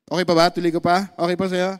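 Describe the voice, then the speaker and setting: A man's voice: sits high, clean tone. A male pastor with a Filipino accent, preaching a sermon and telling a personal story, mixing Tagalog and English. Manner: animated storytelling, switching between Tagalog and English.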